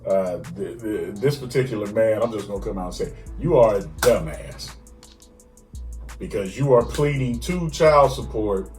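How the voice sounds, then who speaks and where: A man's voice: fairly low pitch, normal speed, distant mic, soft background music. Ranting man, roomy and off-mic. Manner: animated ranting with frequent stammered restarts. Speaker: podcast co-host. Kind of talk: casual chat.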